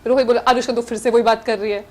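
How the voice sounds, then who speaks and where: A young woman talks as a guest on a chat show, telling her stories with lots of animation. Her voice sits high, and she slips English phrases into her speech and often laughs. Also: fairly even intonation, racing. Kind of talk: casual storytelling chat.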